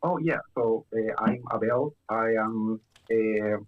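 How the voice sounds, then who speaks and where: A young man from Chile speaks slowly in a fairly low voice, with phone-quality sound. He's a guest in a casual chat and sounds hesitant, leaning on fillers and restarting often.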